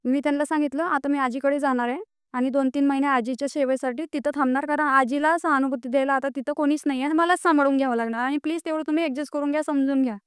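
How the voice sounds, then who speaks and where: A woman's voice: sits high, steady tone, fast talker, dry recording, studio quality. A young woman, telling her life story as a podcast guest, earnest and rising with indignation. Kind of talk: emotional personal storytelling.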